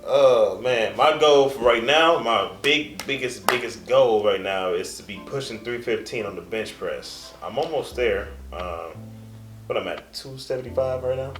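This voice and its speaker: A young co-host of a relaxed fitness chat speaks a little slowly in a mid-range voice, with music playing behind him. The room echoes, and his loose, easygoing talk drifts off into trailing fillers.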